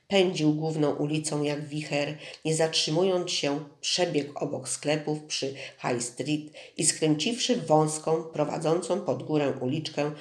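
An audiobook narrator reading a story in a steady, measured way. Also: mid-range voice. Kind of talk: scripted narration. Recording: roomy echo.

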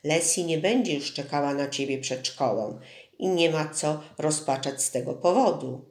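A stern, weary village mother, as an audiobook narrator puts her on, clipped and scolding, never letting her feelings show. Her lines come at a middling pitch, and the reading carries a roomy echo. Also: moderate pace, close to an everyday voice. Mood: grim. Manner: curt and scolding. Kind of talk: audiobook dialogue.

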